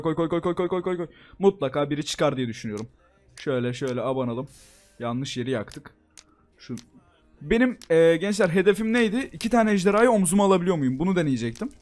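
A young man giving casual, excitable commentary as he plays a game and talks to his viewers. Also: on the high side. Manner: excitable, talks to viewers as "gençler", frequent laughs and exclamations. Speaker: gaming YouTuber. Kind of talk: casual Minecraft let's-play commentary.

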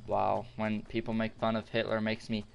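A man's voice: fairly low pitch, monotone, moderate pace, creaky, muffled recording, background noise. A young man chatting casually while gaming, rambling and thinking aloud. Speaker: gamer.

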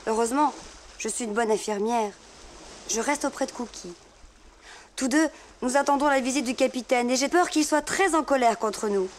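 A woman's voice: high-pitched, a little hiss or hum. A young letter-writing girl. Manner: gentle, confiding. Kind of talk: narrated letter reading.

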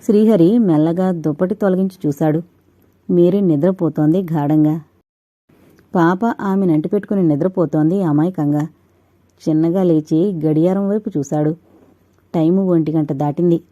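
A woman narrating a novel in a steady storytelling voice. Her tone is low and deeply mellow, and the close mic leaves it dry with no room sound. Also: moderate pace, no echo, lo-fi sound. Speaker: audiobook narrator.

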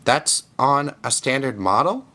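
A man's voice: medium pitch, lively intonation, unhurried, bright, forceful tone, voice pushed up, full character voice. A man voicing a fussy, doubting male angel with an incredulous, questioning manner. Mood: doubtful.

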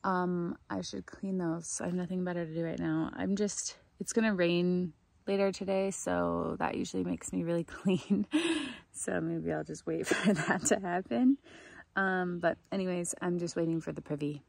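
A young adult woman vlogs while hiking a long trail through the woods, chatting in an informal, rambling way into a phone held at arm's length. Her voice is lowish, steady, gravelly and darkish at a moderate pace, recorded dry with faint outdoor ambience.

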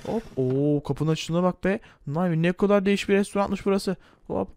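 High-voiced playful young man. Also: a little fast, a little mellow, clear, resonant tone. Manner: playful, whiny, laughs often. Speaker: gaming video host. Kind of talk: comic game role-play with narration.

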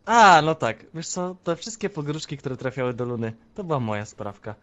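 A man's voice: a little high, very animated, normal speed, a bit bright, dull audio. A man voicing a scheming male gang member who betrays his boss, speaking in a taunting, confrontational way in an online game role-play. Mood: gloating.

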